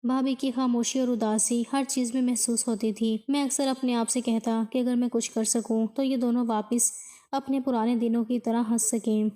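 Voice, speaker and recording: Woman reading a moral story aloud, kinda high voice, flat and steady. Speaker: narrator. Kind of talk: scripted story narration.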